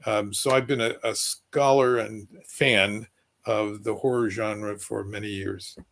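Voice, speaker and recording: A man's voice: lowish voice, fairly even intonation, unhurried, gravelly, a bit bright. A man introducing himself on a panel as a lawyer and editor, wry and a little hesitant.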